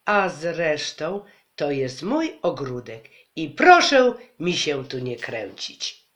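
A man reading aloud and voicing a fierce, protective mother who scolds a crowd loudly. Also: very high voice, animated, takes it slowly, voice pushed up, full character voice. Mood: indignant. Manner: loud, indignant scolding.

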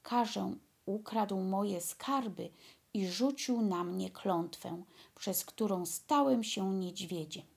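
A woman voicing a kind young prince, freed from a bear's curse, who speaks softly and apologetically. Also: mid-range voice, slow pace, gravelly, slightly rough, full character voice. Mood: earnest. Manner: soft, apologetic. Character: kind young prince, once a bear, gentle.

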